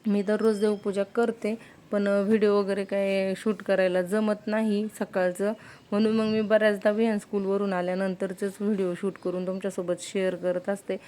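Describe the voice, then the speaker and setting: A woman's voice: mid-range voice, flat delivery, moderate pace, dark tone. Chatty woman narrating her home routine. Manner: chatty, explains daily routine step by step. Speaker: vlogger and mother. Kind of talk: casual home vlog narration.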